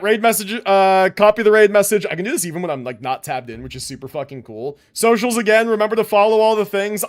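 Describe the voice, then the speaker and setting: Speaking in a high voice, a young game streamer talks to his livestream audience in an informal, rambling way, swearing freely throughout.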